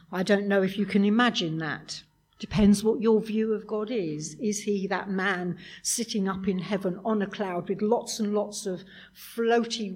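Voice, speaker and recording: Husky-voiced woman preaching a sermon. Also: medium pitch. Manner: conversational, with rhetorical questions.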